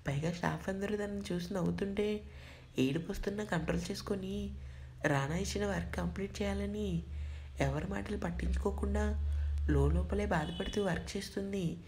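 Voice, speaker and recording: A woman storyteller narrating a romantic drama story in a steady, expressive reading voice. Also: mid-range voice, moderate pace, a little hiss or hum.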